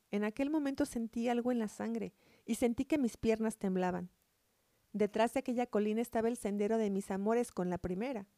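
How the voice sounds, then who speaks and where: Female storyteller, warm tone, measured scripted narration, dry close sound. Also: on the high side, no echo.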